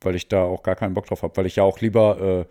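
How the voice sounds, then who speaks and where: A man in casual chat, teasing his friend in relaxed slang. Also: sits low, fast.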